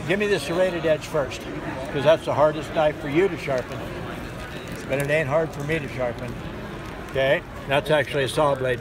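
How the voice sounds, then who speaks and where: A middle-aged man with a somewhat high voice gives a hands-on sales demo at a busy indoor gun show. He talks in steady, instructive patter and repeats the same simple tips. A crowd murmurs loudly behind him, recorded from a camera close by. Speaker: knife sharpening demonstrator. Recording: noisy crowded show floor. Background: crowd chatter.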